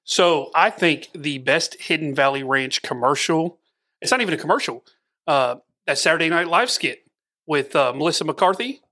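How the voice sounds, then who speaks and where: A man's voice: a little high, animated, moderate pace, bright, forceful tone. A man who is a guest on a podcast, chatting casually and throwing in jokey quips. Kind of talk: casual chat.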